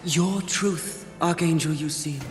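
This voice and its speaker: An actor voicing a seductive, smug demon of lust in a video game cutscene, with a teasing, drawn-out delivery. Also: mid-range voice, lightly acted. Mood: coaxing, mocking. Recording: echoey long reverb, loud game music behind.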